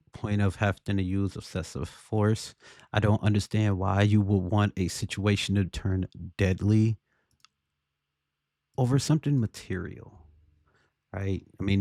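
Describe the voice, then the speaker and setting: A man giving casual opinion commentary on a video, deliberately, often checking for agreement with rhetorical questions. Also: sits low, vocal fry, a little mellow, no echo, clean studio sound.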